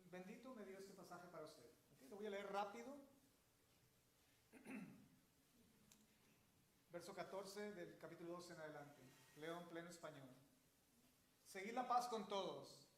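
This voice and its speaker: High-voiced pastor preaching. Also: male voice, measured pace, long pauses, reverberant, slight background noise. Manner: emphatic preaching, explains Hebrew words. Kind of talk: sermon. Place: church sanctuary.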